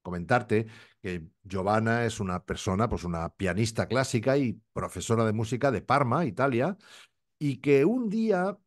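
A man's voice: lowish voice, animated, moderate pace. A middle-aged man hosting a video-call interview from a home office, chatty and joking, asking long run-on questions. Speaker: host. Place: home office with framed posters.

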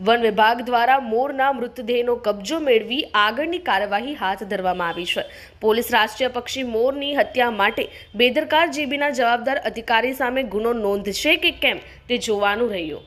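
A woman with a Gujarati accent reading a regional news bulletin in a formal, even newsreader style. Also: fairly high pitch. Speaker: news reader.

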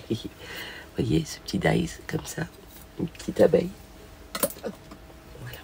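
Older female craft vlogger with a hoarse, gravelly voice and a chatty, gushing manner, recorded at home with a noisy track and clicks. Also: deep voice. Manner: chatty, gushing, frequent fillers. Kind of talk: casual show-and-tell haul.

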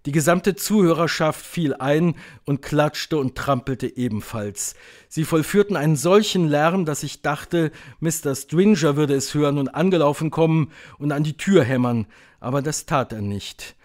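A man reading a story aloud as audiobook narrator, in steady storytelling. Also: on the high side, normal speed. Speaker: audiobook reader. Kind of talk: scripted narration.

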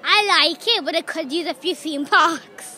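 A woman's voice: extremely high pitch, normal speed, bright, forceful tone, a faint crowd. An enthusiastic woman answering a street interviewer outdoors. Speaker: passer-by. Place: outdoor plaza by an arena.

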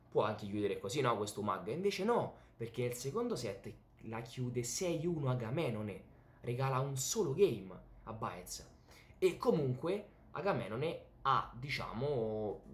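A young man with an Italian accent giving an excited, emphatic, casual sports recap to camera in a home room. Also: medium pitch. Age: young adult. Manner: excited, animated, emphatic with repeated words. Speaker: YouTube tennis commentator and host. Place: small home bedroom, indoors. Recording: roomy, echoey home room.

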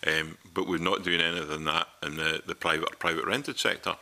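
A man's voice: low voice, flat delivery, fairly quick, sharp tone. A middle-aged man with a Scottish accent giving earnest, persuasive evidence to a parliamentary committee from a desk microphone in a large committee room. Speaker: committee witness.

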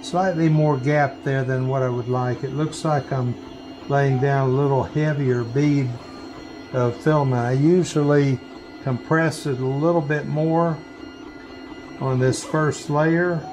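Slow-talking man demonstrating in a workshop. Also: fairly high pitch. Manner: slow, plain step-by-step explaining while working. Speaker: maker running a 3D print farm. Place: workshop full of 3D printers.

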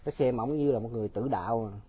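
A man's voice: mid-range voice, fast talker, warm tone, husky. A man giving casual, mocking political commentary straight to his viewers, often laughing.

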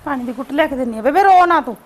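Quick high-voiced consoling woman. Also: expressive. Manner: soothing, consoling. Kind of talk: amateur family drama acting.

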